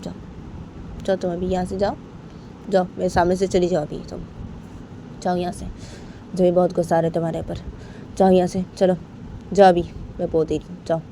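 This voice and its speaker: Woman narrator putting on a cross, stubborn young woman, snapping loudly, mellow low voice. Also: level tone, a little fast, long pauses, slight background noise, close to an everyday voice. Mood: dismissive. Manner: snapping, raised voice.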